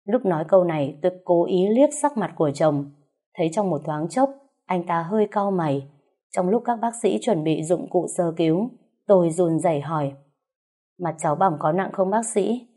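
A woman reads a first-person audiobook story with measured, dramatic storytelling. Her voice is low for a woman and soft, mellow in tone. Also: animated. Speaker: audiobook narrator.

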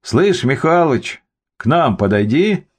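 A man voicing a gruff, lanky village police officer who talks in coarse, bossy slang, as a character in an audiobook. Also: on the low side, sing-song, normal speed, darkish tone.

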